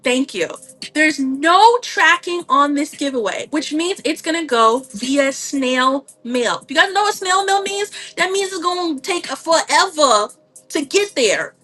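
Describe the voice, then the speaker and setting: A woman hosting a live stream, giving chatty, animated selling tips and greeting viewers as she goes. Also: high voice, a little slow, soft background music. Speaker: online seller hosting a livestream.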